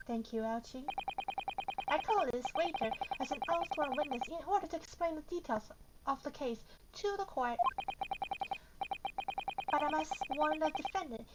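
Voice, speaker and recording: A woman with a high-pitched voice streams a game at home in her bedroom, voicing the dialogue and reacting casually as if to herself. Loud game music makes the background noise heavy.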